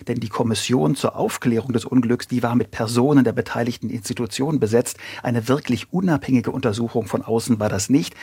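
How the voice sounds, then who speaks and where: Husky guy explaining space news on radio, super dry sound. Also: medium pitch, a little mellow, dry recording. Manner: fluent and explanatory, small restarts. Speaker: science correspondent.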